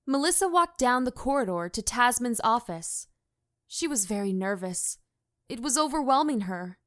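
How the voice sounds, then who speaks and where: A woman's voice: on the high side, expressive, moderate pace, no echo, clean studio sound. A woman narrating a story in a plain, matter-of-fact reading. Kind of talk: scripted narration.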